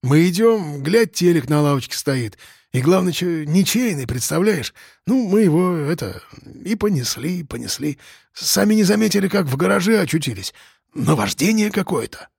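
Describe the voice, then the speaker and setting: A man's voice: on the high side, very animated, moderate pace, gravelly, a little mellow, slightly rough, dry recording, clean studio sound, voice pushed up, full character voice. A man voicing a whiny, unshaven male petty thief who sniffles and pleads in a raised voice. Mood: pleading.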